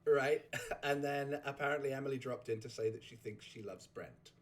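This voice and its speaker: Hosting a relaxed recap conversation, this man talks at normal speed in a mid-range voice that's still getting over a sore throat. He tends to ramble, chuckle, and break off to start his sentences again.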